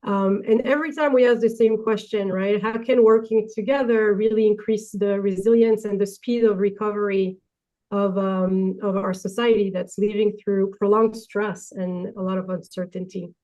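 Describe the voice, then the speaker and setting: A woman with a light, delicate voice hosts an online talk, introducing it hesitantly with many pauses. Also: medium pitch, steady tone, warm tone, poor audio. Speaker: webinar host.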